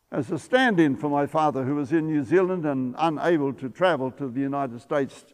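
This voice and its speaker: A man in his eighties, a pastor, giving a measured history lecture while seated at a table in a church, sometimes correcting himself. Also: fairly high pitch. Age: 80s. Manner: measured storytelling, some self-corrections. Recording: long church reverb.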